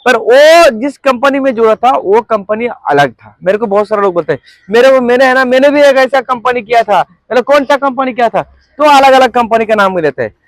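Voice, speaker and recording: A network marketing trainer gives an interactive seminar talk to a group in a training room, constantly quizzing the audience and asking for call-and-response. He is a very high-voiced man, expressive and a little fast, on a dry, rough recording.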